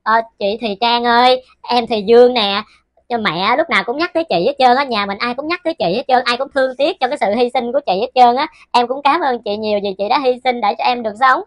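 A woman playing a gentle teenage girl, the surviving twin, speaking in a soft, consoling way. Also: a little high, quick pace, no echo, lightly acted.

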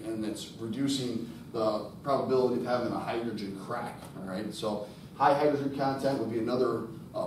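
A man's voice: medium pitch, darkish tone, a little hiss or hum. A man in his thirties teaching a welding lesson at a whiteboard, talking casually and checking in with "all right?". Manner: casual, repeats key word, frequent "all right?" checks. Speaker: welding instructor. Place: classroom with whiteboard, indoors. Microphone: camera across the room. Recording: very echoey room, voice from a distance.

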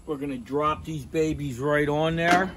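Unhurried and steady, this man's slightly high, somewhat bright voice carries over slight background noise as he films himself on a phone. In his fifties, he cooks at home in the kitchen and then on an outdoor deck grill for a casual vlog, enthusiastically praising fresh ingredients, tasting and sniffing, and repeating catchphrases.

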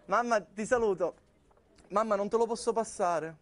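A man's voice: high voice, moderate pace, a little hiss or hum. A Sicilian man in his thirties on a theatre stage, doing a comic one-sided phone call in an anxious, placating manner. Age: 30s. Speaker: comedian.

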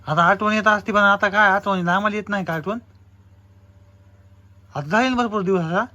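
A young man speaks, and his voice sits high and bright. He coaxes gently, asking the same questions over and over. It is casual home-vlog talk. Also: a little fast, dull audio. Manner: gently coaxing, asks again and again. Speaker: husband and vlogger.

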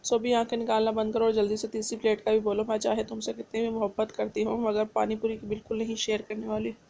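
A woman's voice: a little high, completely flat delivery, fast talker, gravelly, mellow. A woman reading as a cheeky young wife. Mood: stubborn.

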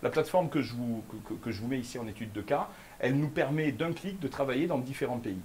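A man speaking fast at a live conference keynote, pitch right in the middle of the range, firing questions at the crowd as he goes. A faint hiss of noise sits under his voice in the room. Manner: fast, lively, addresses the audience directly with questions. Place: conference room before an audience.

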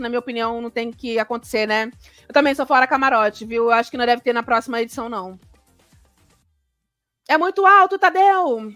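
A woman hosts a live reaction stream in a high, bright-pitched voice, chatting and exclaiming as she reads viewer comments aloud. Her sound is dry and close, with faint music underneath. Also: no echo.

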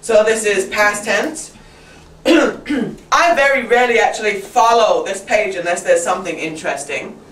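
A woman leading a teacher training workshop, brisk and chatty, who keeps checking in with "right?". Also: mid-range voice, fairly bright tone. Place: classroom. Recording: roomy classroom from far off.

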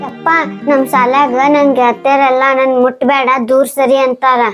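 A young actress playing a sick little daughter who pleads gently with her father. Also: high voice, flat delivery, normal speed, close to an everyday voice. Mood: pleading. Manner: pleading, tender. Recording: music behind.

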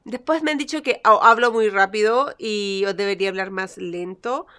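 A young Peruvian woman vlogs casually to camera in a clear, resonant, fairly bright mid-range voice at a moderate pace. Her Spanish accent carries some Mexican touches, and she answers critics playfully with mock sweetness.

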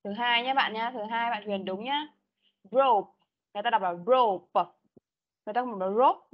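A woman with a fairly high, rapid-fire voice teaches an online English class, patiently repeating prompts and correcting pronunciation. She's heard over a video call, and the audio is dull and lo-fi.

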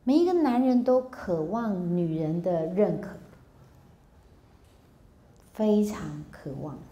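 A woman in her fifties with a Taiwanese Mandarin accent gives a public lecture on relationships, lively telling personal stories, acting out dialogue and often laughing. Her mid-range voice sounds reverberant.

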